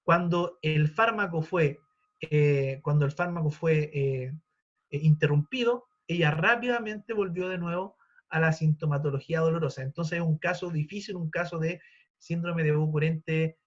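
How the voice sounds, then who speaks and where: A man's voice: fairly high pitch, normal speed. A man in his forties giving a live online lecture, explaining step by step with frequent fillers and restarts. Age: 40s. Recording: dull lo-fi sound.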